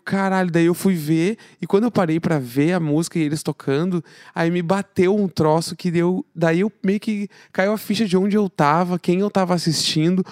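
A man, talking in a relaxed, slangy way in casual chat. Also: a little high, no echo, studio quality.

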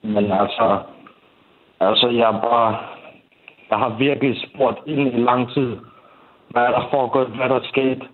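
A young man speaks in a candid interview, his sentences full of restarts, fillers and swearing. His voice sits at an average pitch. The recording sounds narrow and tinny, like a phone line. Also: fairly even intonation, pauses often. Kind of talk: candid interview about family conflict.

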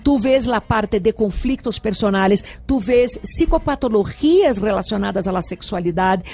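Brazilian-accented middle-aged woman guest, husky, chatty storyteller, mid pitch. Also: moderate pace. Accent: Brazilian Portuguese. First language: Portuguese. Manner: lively, laughing, rambling storyteller. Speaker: sexologist guest. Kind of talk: casual interview chat.

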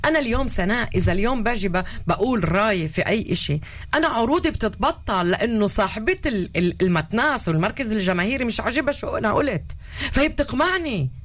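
A woman's voice: fairly high pitch, lively intonation, quick pace, fairly bright tone. A woman with a Palestinian Arabic accent speaking bluntly as a guest in a live discussion. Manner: blunt, outspoken. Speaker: talk show guest.

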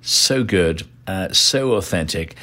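A man with an English accent and a very low voice talks through his picks at an easy pace, stopping often for filler uhs. He sounds loose and unscripted. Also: animated, takes it slowly, pushed and bright. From England. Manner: rambling, many filler uhs. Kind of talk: casual recommendations list.

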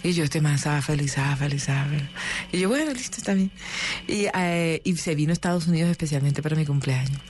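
A woman's voice: low voice, fast talker, slight background noise. A woman from Colombia's Caribbean coast, telling stories in a casual interview and acting out the voices she quotes. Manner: animated, acts out quoted voices. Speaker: interview guest.

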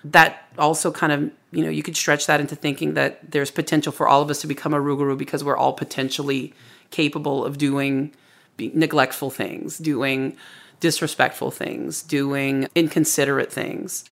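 Gravelly storyteller chatting about folklore. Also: medium pitch, flat delivery, normal speed, a bit bright. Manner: reflective, explanatory. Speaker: storyteller and author interviewed as a guest. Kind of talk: casual conversational storytelling.

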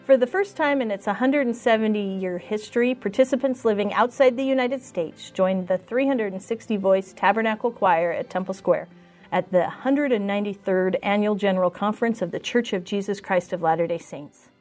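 A woman hosting a podcast interview. She reads her introduction cleanly from a script, then asks a table of guests plain questions in an easy voice. Her pitch sits in the middle range. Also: normal speed, a little mellow, faint music behind. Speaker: podcast host and news editor. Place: around a table with a group of guests.

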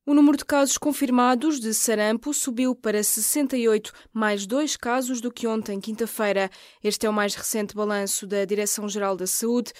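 A woman with a European Portuguese accent reading a scripted news bulletin in a crisp, measured newsreader delivery. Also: on the high side, steady tone, no echo, clean studio sound. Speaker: news presenter.

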